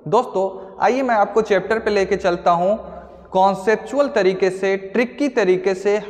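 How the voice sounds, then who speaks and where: A man teaches an exam-prep grammar lesson in a high voice. He explains step by step, speaking to his viewers as friends and working through examples. The room gives his voice a long reverb. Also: normal speed, darkish tone.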